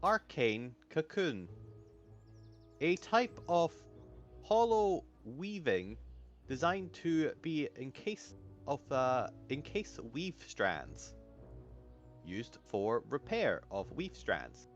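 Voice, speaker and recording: A man voicing a sassy male computer tablet that announces it is processing in a flat robotic way, with a dull lo-fi sound and faint music. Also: a little high, very slow, voice pushed up, heavily acted. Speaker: game master.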